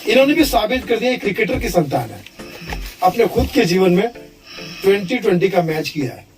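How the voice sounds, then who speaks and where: Comic man on a stand-up stage, high-pitched, joking patter, faint music. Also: very animated, brisk. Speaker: stand-up comedian. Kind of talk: live stand-up comedy.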